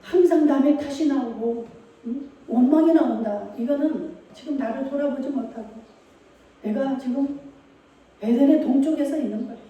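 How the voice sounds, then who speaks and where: In an echoey church hall, picked up by a distant mic with lo-fi sound, a woman gives an emphatic sermon. Her high-pitched voice has a dark tone and a normal speed. She keeps asking the congregation rhetorical questions.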